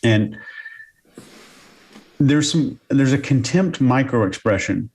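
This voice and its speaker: A man's voice: mid-range voice, lively intonation, slow, darkish tone, breathy edge. A man analyzing body language on a panel, explaining terms in an emphatic way. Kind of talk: casual panel commentary.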